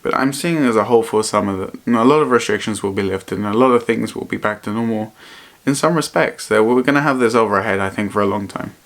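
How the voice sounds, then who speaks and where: A man vlogging in a reflective, personal way, speaking earnestly and haltingly and often repeating his phrases. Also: fairly low pitch, a bit bright. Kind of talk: personal vlog to camera, reflective talk.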